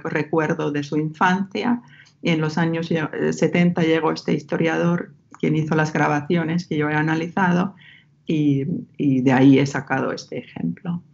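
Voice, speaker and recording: With a low, gravelly voice and a Finnish accent, this researcher guest, a native Finnish speaker from Ostrobothnia in Finland, talks thoughtfully during an academic interview and frequently begins her sentences again. The audio quality is a bit lo-fi.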